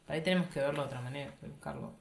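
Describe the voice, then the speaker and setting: Argentine woman in her 30s, fast and bright, chatting in an echoey room. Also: low-pitched, gravelly. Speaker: reaction video co-host. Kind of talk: casual reaction chat. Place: small home room.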